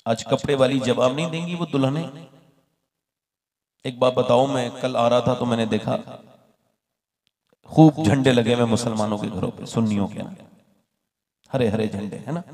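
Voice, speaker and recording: A man preaching an impassioned sermon, dropping to hushed tones and then rising to shouts. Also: mid-range voice, fairly even intonation, normal speed, pauses often. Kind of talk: religious sermon.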